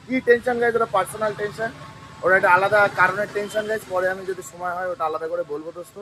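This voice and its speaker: A hoarse young man with a cold, vlogging from home on a phone and chatting straight to his viewers. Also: sits high, steady tone, fast talker, noisy background. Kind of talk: casual daily vlog. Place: at home, indoors.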